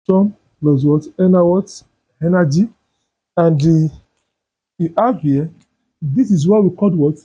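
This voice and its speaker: A male teacher giving a chemistry lesson, asking questions and answering them himself, repeating terms slowly. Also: fairly high pitch, warm tone, slightly rough. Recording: dull lo-fi sound.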